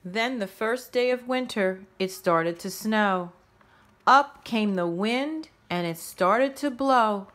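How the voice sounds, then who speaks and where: Reading a rhyming story for children, this woman uses a measured, expressive storytelling style. Her voice falls in the middle range.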